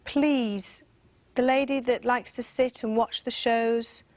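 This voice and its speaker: Woman slowly pleading with spirits. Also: fairly high pitch, fairly even intonation, no room sound. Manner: slow, pleading, insistent. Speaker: medium leading a seance. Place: dark room around a table.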